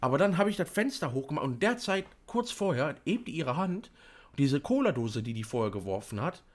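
A young man chatting casually, telling an animated story with lots of fillers and restarts. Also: fairly high pitch, brisk. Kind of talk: casual chat.

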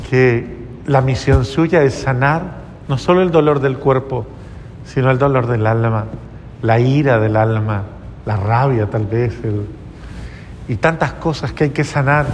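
A man's voice: mid-range voice, in a large hall, slight background noise. A man preaching a sermon earnestly, often restarting his phrases.

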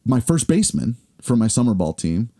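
A man in his forties, a podcast co-host, telling a long story in casual chat with lots of fillers, acting out the people he quotes in higher voices. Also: sing-song, fairly quick, dark tone. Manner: rambling, filler-heavy storytelling.

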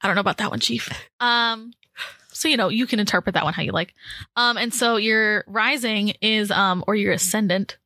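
Young American woman, casual co-host, rambling and playful; bright voice, dry close sound. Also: mid-range voice, normal speed, dry recording. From USA. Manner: rambling, playful, explains with fillers. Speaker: podcast co-host reading astrology charts. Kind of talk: casual chat.

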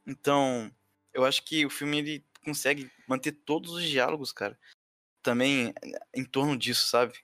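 A man co-hosting a casual film review chat, talking in a slangy, laid-back way that gets lively when he jokes. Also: mid-range voice, normal speed, dry recording, clean studio sound, soft background music. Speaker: co-host of a film review show.

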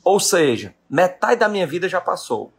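This high, creaky, husky male voice is very animated but moves at a normal pace. It belongs to a business owner from Brazil, late thirties, who gives his live-stream viewers a forceful pep talk and keeps circling back to his main questions.

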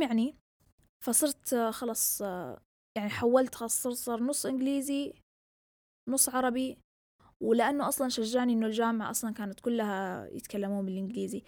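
On her solo podcast, a young woman from southern Yemen talks in a loose, chatty, meandering way, code-switching between English and Arabic. Her accent combines Yemeni and Saudi Gulf features, her voice runs on the high side, and the sound is dry.

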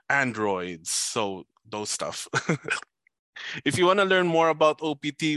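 A man hosts an online student panel over a video call. His voice is bright and crisp, close and dry. He talks loosely, with many fillers and playful asides. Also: medium pitch, no echo. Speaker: international student coordinator hosting a panel.

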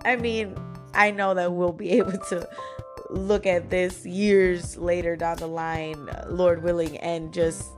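A woman's voice: fairly low pitch, little pitch movement, slow, over music. A woman hosting her podcast in casual chat, her voice a bit muffled from congestion and often breaking into laughter. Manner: laughs often, chatty with fillers. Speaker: podcast host.

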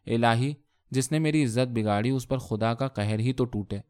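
A man's voice: medium pitch, darkish tone, smooth, lightly acted. A man voicing an older mother who weeps and prays, in a read-aloud story. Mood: weeping. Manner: weeping, cursing in prayer. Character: older mother, tearful and praying.

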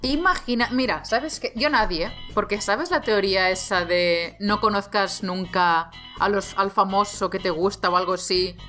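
Woman, casual podcast chat, jokey and animated, faint music underneath. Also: mid-range voice, moderate pace, hardly any pauses. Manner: animated, jokey, with many asides and fillers.

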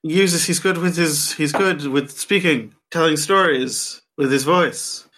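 A man's voice: on the high side, unhurried, fairly bright tone. A man co-hosting a casual podcast with playful, profane banter. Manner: joking, playful, sweary. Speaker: podcast co-host.

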